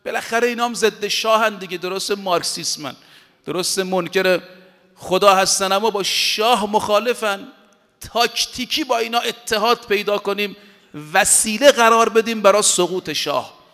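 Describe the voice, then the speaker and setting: A male preacher delivering a sermon with emphatic conviction, drawing out his Arabic quotations word by word. His voice sits high and sounds bright and forceful. The sound rings with a long reverb, as if from a large hall. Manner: emphatic, recites Arabic quotations slowly and deliberately.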